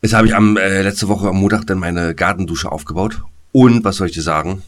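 Joking, very deep-voiced man. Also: fairly quick. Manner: joking and playful, with many restarts and fillers. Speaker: podcast co-host. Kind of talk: casual podcast chat. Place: home, recording remotely over a video call.

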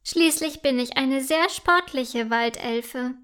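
A woman voicing a tiny, cheerful young female forest elf who talks eagerly and brightly. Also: high-pitched, slow pace, smooth.

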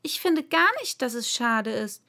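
A woman's voice: fairly high pitch, expressive, measured pace, pushed and bright, exaggerated voice. A woman reading a storybook and voicing a curious, outspoken young girl who speaks firmly and plainly. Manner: firm, plain-spoken.

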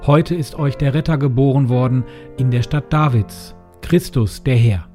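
A man voicing an angel who delivers good news in a solemn, slow, proclaiming voice, with music behind. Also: medium pitch, natural voice. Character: solemn, comforting male angel.

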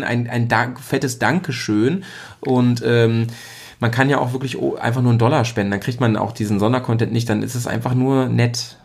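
A man hosting a casual podcast, rambling along with lots of filler sounds. He pokes fun at his own show as he goes. His pitch sits in the middle range. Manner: rambling, many fillers, self-mocking. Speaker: podcast host.

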